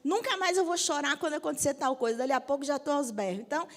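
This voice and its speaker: Preaching quickly in a high voice, a Methodist bishop in her fifties addresses her congregation directly and repeatedly asks if they agree. The sermon is recorded with long hall reverb.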